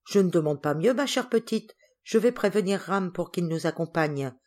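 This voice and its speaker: A kindly middle-aged nursemaid answers in a gentle, practical voice, as a woman reader plays her. She stays soft and sensible throughout. It is a storybook reading. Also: lowish voice, animated, normal speed.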